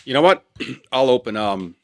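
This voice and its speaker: A man from Serbia, co-hosting a casual podcast chat in an animated, emphatic way, often repeating words when worked up. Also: mid-range voice, normal speed. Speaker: podcast co-host.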